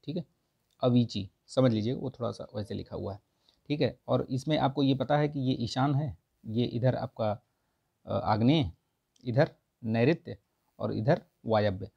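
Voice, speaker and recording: Gravelly-voiced man teaching exam prep. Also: mid-range voice, a little slow, highs cut off. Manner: repeats answers with frequent "ठीक है" checks. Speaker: Hindi grammar teacher.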